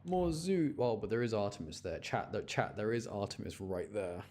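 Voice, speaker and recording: A game streamer's fairly low, slightly mellow voice comes across very animated at normal speed. He chats casually during live gameplay, explaining mechanics and muttering to himself, with video game sound behind him in a clear recording with background noise.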